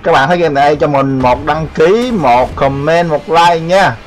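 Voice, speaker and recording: A man hosting a gaming channel, giving excitable, joking commentary on his play. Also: a little high, measured pace, poor audio. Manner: excitable, shouting exclamations, joking. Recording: voice over game audio with faint music. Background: music.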